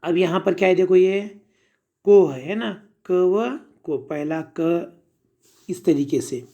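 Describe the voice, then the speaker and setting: Speaking slowly in a high, creaky voice with a dark tone, a man teaching Urdu at primary school spells out words for children in a reading lesson. He patiently sounds out letters and has the class repeat after him.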